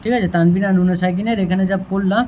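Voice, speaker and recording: A teacher giving a Quran reading lesson, patiently repeating letter sounds and drawing out words slowly. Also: mid-range voice, steady tone, warm tone, muffled recording, a little hiss or hum. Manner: slow drawn-out chanting of prayers and words.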